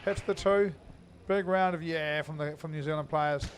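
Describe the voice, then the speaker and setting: Man, cricket commentator, fairly high voice, chatty, many fillers, loud viewer shout-outs. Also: fairly even intonation, moderate pace, noisy background. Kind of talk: live sports commentary. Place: indoor cricket arena.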